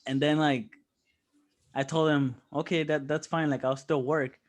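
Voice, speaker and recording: A young man with a slightly high voice tells a story in loose, casual chat. He swears freely, bursts into laughter and acts out everyone's lines. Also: unhurried. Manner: animated storytelling, swears often, laughs a lot. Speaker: podcast co-host.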